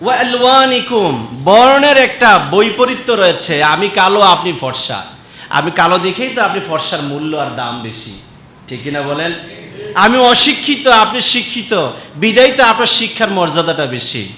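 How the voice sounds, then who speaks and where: A man from Comilla preaching a sermon, calling out questions to the crowd and swinging from loud to quiet. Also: sits high, sing-song, moderate pace, echoey room. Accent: Comilla Bengali.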